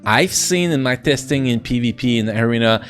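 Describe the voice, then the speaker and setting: A man with a French accent giving casual, excitable commentary on a mobile game, full of restarts and playful sound effects. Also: mid-range voice, a little fast, faint music behind.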